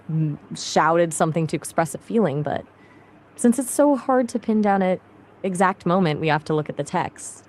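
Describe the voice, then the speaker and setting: A woman's voice as an AI assistant in casual conversational chat, upbeat and chatty with quick, lively replies. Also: low voice.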